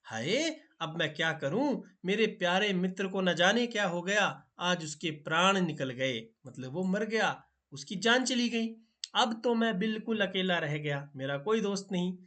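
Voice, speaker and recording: A man's voice: sits high, animated, measured pace, a bit bright. A man voicing a friendly, scheming male turtle in a school storybook reading, talking in a chatty, fussing manner. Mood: mock grief. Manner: chatty, fussing, plays at grieving.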